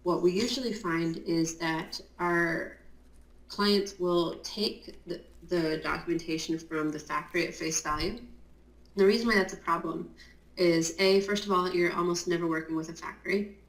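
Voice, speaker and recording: A woman with a somewhat low voice, speaking in a chatty, explanatory way with plenty of fillers. She has a just-woken morning voice. Her voice carries a roomy echo. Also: moderate pace. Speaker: guest, Amazon compliance consultant. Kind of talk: casual interview talk.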